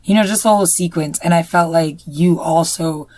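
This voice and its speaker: A woman's voice: on the low side, normal speed, a little mellow, a little hiss or hum. A woman co-hosting a podcast, reviewing a TV episode in casual chat, with lots of "you know" fillers. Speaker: podcast co-host.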